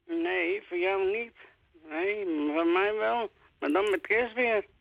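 An older woman phones in with a gravelly creak in her voice. She chats in a folksy, teasing, colloquial way. The line is dull and lo-fi, with a dry, close sound. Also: medium pitch, takes it slowly, dry recording. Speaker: regular radio phone-in caller. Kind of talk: casual chat. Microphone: telephone.

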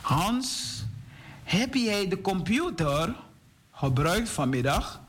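A man voicing a kind, watchful father in a children's story, speaking gently and calmly. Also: high-pitched, slow, voice pushed up, full character voice. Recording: faint hiss on radio recording.

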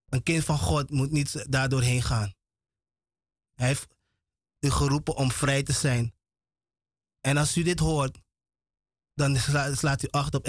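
A man's voice: mid-range voice, no echo, studio quality. A man preaching on the radio, emphatic and repetitive, often breaking off and restarting his words. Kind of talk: radio sermon.

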